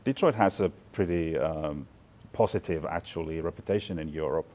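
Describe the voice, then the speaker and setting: This guest, a Finnish fashion department chair in his forties, has an extremely low, dark voice and a moderate pace. He talks through his interview answers in a chatty, reflective way, often using fillers and starting over, inside a large, bright loft studio.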